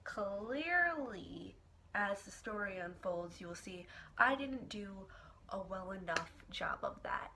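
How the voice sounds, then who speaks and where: A young woman vlogger telling an embarrassing personal story in a dramatic, expressive way, swearing casually and with lots of filler words. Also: medium pitch, slow pace, background noise. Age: young adult. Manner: casual, profane, filler-heavy. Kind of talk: storytime vlog.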